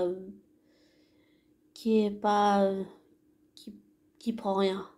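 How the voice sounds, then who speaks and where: A woman explaining one of her own songs to viewers in a casual, hesitant way, often restarting and sometimes sinking to a near whisper. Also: on the high side. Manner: soft, hesitant, with restarts and trailing off.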